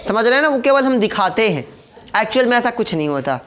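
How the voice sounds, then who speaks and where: A man's voice: extremely high pitch, sing-song, fast, a bit bright. A man teaching a casual classroom lesson, joking and asking rhetorical questions. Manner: chatty, asks rhetorical questions, jokes. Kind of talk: informal classroom lecture.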